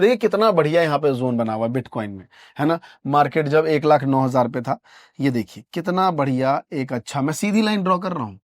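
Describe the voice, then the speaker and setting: A man's voice: on the high side, no echo, clean studio sound. A man teaching trading over a chart, who keeps asking rhetorical questions, answers them himself and checks in with "correct?", speaking. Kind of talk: chart lesson screen narration.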